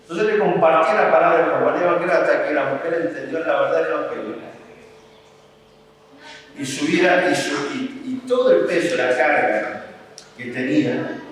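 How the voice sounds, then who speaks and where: A man's voice: a little high, animated, moderate pace, slight background noise. A man with an Argentine accent preaching a sermon as a pastor, telling a story in a conversational way with emphatic asides and frequent restarts. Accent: Argentine Spanish. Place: large hall at a church camp. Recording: echoey hall from far off, faint ambience.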